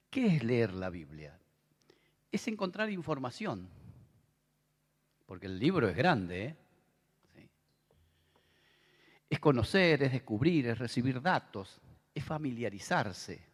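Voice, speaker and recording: A middle-aged pastor with an Argentine Spanish accent preaches in a large convention hall, his mid-range voice swinging widely in pitch as he speaks slowly with long pauses. His sermon is conversational, with asides to the audience, and the big hall adds a long reverb.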